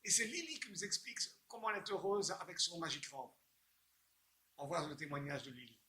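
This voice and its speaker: High-voiced guy hyping a product, bright sharp tone, trips over words. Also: expressive, brisk. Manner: enthusiastic, stumbling restarts. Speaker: product presenter. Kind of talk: promotional presentation.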